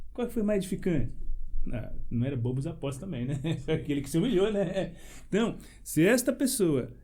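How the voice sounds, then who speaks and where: This pastor's voice is high-pitched but dark in tone. Preaching in a panel debate, he speaks emphatically, leans on rhetorical questions, and lets short laughs slip out between phrases while telling a personal testimony.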